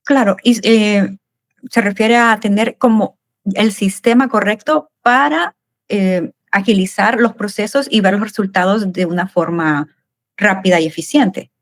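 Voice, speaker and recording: A woman's voice: medium pitch, a little slow, dry recording, clean studio sound. A woman hosting a podcast who interviews a guest with polite, formal questions. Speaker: podcast host.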